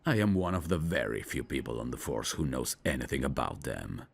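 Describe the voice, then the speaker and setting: Playing a hard-bitten, world-weary detective who mentors a rookie in a scripted audio drama, a man uses a gravelly, extremely deep voice and a slow, sardonic drawl. His mood comes across as indignant yet fond, and his husky line readings are sing-song and heavily acted, swinging expressively up and down.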